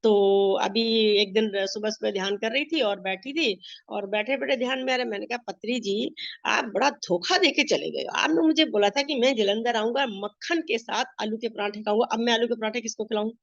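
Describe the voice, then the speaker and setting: A woman's voice: a little high, a little fast, vocal fry, a bit bright, no echo. Middle-aged Indian woman telling a story. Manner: storytelling, acting out quoted dialogue. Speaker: meditation master sharing her experience. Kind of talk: personal testimony. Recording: dull lo-fi sound.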